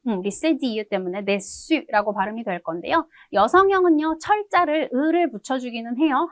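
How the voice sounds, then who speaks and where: A woman's voice: high voice, no echo, clean studio sound. A woman teaching an online language lesson who explains patiently, uses fillers and asks and answers her own questions. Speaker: French teacher.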